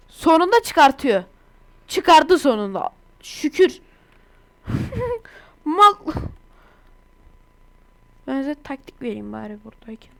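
A woman talks over her gameplay in a high, bright-toned voice. She chats casually and gets excitable, often breaking into exasperated outbursts. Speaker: gaming YouTuber.

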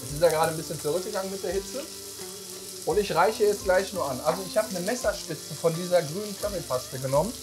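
A man's voice: sits high, fast talker. Chatty man chef asking questions. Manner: chatty, asks many questions, joking. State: sweating from spicy food. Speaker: chef hosting a cooking video. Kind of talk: casual cooking chat. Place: large professional kitchen indoors. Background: background music and sizzling pan.

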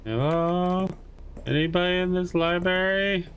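A man's voice: a little slow, soft background music. A man commenting as he plays a horror game, reading lines aloud, talking to the monsters and yelping when scared. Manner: jittery, rambling, jumps to high-pitched yelps when scared. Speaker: gaming channel host.

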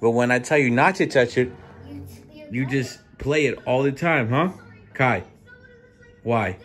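A man's voice: medium pitch, a little slow, faint music behind. A man chatting casually in an easygoing, storytelling way for his vlog. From Texas, US. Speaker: barber and vlogger. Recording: loud background noise, traffic.

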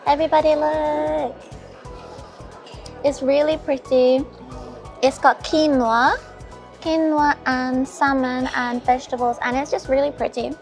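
Over afternoon tea in a roomy hotel lounge restaurant, a twenty-something woman raised in the Caribbean and later England talks openly as an interview guest. Her high voice stays level at a measured pace, with soft music in the background, captured on a small recorder or phone near her across the table.

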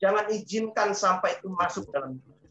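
A man's voice: sits high, animated, fairly quick, sharp tone, roomy sound, slight background noise, poor audio. A male pastor from Indonesia preaching a sermon, repeating key phrases and calling for responses from the congregation. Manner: acts out quoted voices of wife and husband.

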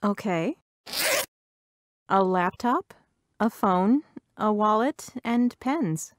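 A woman playing a friendly, very slow-speaking woman. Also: medium pitch, animated, no echo, clean studio sound. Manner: bright, clearly enunciated textbook delivery. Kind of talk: textbook listening dialogue.

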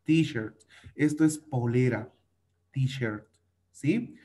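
An English teacher with a medium-pitched, dark voice leads an online class for children, drawing out his words. He patiently repeats vocabulary, drills pronunciation and uses fond diminutives.

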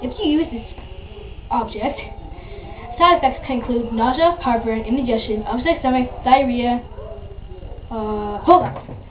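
A parody infomercial presenter, played by a woman, reciting a disclaimer list in a very high voice. The recording is tinny and phone-like, with faint noise behind her. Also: a little slow, long pauses, close to an everyday voice. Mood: matter-of-fact listing. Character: female infomercial presenter reciting absurd side effects.

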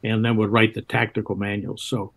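A man in his seventies with an American accent, a retired Navy pilot reminiscing plainly and haltingly on a video call. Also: lowish voice, level tone, vocal fry. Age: 70s. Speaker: interview guest, retired Navy test pilot. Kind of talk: reminiscing in conversation. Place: home room indoors. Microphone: video call, computer microphone.

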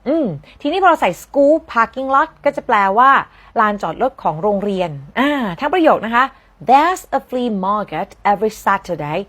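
A woman from southern Thailand giving a casual online English lesson, chatty and playful, repeating each word slowly for students to practice. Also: fairly high pitch, fairly bright tone. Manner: playful, teasing asides. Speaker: English teacher.

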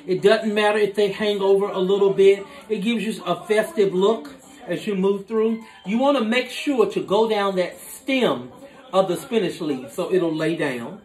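At his kitchen counter, a cooking show host in his forties demonstrates home cooking, talking while he works with his hands and explaining each step in a relaxed, instructive way. His voice is high and sounds reverberant, with the dining room behind him indoors.

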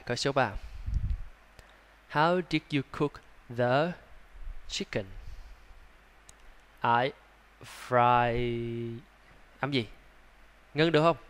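Slow-speaking Vietnamese man teaching pronunciation. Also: medium pitch. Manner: models English words slowly and repeats them; breaks into soft laughs and chatty asides. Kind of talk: slow, drawn-out pronunciation lesson.

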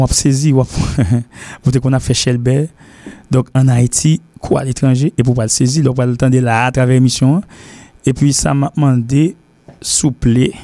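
A man's voice: medium pitch, gravelly, dark tone, no room sound. A middle-aged man with a Haitian accent, an English teacher hosting a TV lesson, rambling, repeating himself and switching between languages. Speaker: English teacher and show host. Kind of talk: TV lesson talk.

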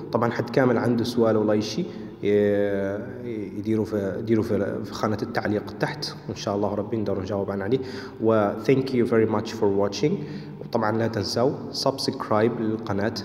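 A man with a Hassaniya Arabic accent gives an online English lesson in a fairly low voice. He explains patiently with many hesitations and reads his English examples out carefully. The sound is roomy, with a long echo trailing behind his words. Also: steady tone, darkish tone. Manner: explains slowly with many fillers, reading English examples deliberately. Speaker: English teacher. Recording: echoey room with long reverb.

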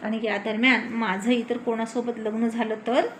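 Coy young woman, teasing, sulky, read by a woman narrator, bright-ish voice. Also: on the high side, flat delivery, moderate pace, slight background noise, close to an everyday voice.

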